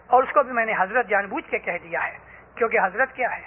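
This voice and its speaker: Very high-voiced male preacher, tinny recording. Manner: emphatic storytelling, rising forcefully on key points. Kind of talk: religious sermon. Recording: tinny phone-like lo-fi recording with faint hiss.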